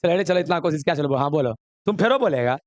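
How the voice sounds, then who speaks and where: A man's voice: a little high, expressive, fast, no room sound, dull audio. A man teaching a chemistry class, coaxing and scolding students while mixing with English. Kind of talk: classroom lesson.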